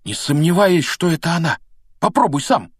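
A man voicing an excitable, easily awed boy wizard in a storybook reading, with high, breathless exclamations. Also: normal speed, slightly rough, no room sound. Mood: excited.

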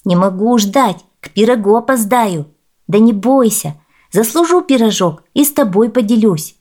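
A woman voicing an eager, lively little boy with a bright, urgent voice. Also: fairly high pitch, normal speed, pitched above the performer's own voice. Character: eager little boy, later crying from the oven.

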